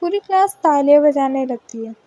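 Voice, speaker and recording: A woman narrating a scripted story in a measured storytelling manner. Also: high voice, animated, mellow, no room sound, lo-fi sound.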